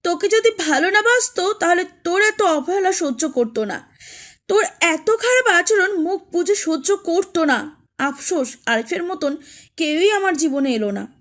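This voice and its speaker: A woman's voice: very high-pitched, lively intonation, unhurried, fairly bright tone, full character voice. A woman voicing a young college friend who speaks earnestly and wistfully in an audio story. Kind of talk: audio drama acting.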